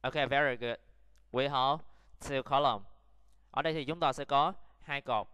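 A man's voice: medium pitch, moderate pace, bright, forceful tone, smooth, in a large hall. A Vietnamese man with a Vietnamese accent teaching an online English lesson, drilling words for students to repeat and explaining in Vietnamese.

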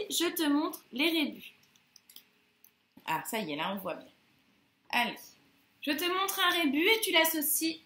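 Sing-song woman teacher, high voice. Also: bright, forceful tone, reverberant. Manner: slow, sing-song, emphatic syllables. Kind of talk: phonics lesson for young children.

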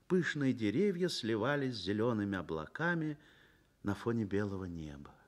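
This male narrator of a Soviet radio play sits on the low side in pitch. He tells the story earnestly, in a literary, measured and expressive way, rising in intensity before sinking to a near whisper.

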